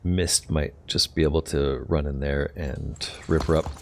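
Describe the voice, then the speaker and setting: A man's voice: rumbling low, steady tone, measured pace, gravelly, darkish tone, slight background noise. A man giving casual gameplay commentary, thinking aloud tentatively as he plays. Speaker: gamer narrating own play.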